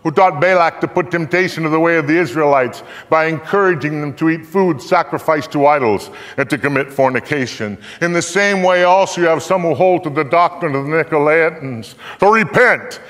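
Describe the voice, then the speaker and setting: An older dramatic reader recites scripture live on an indoor theater stage, his slightly bright, higher voice moving briskly with few pauses. His delivery is solemn and declamatory, stretching out phrases to stress them. Long reverb from the echoey hall carries his words.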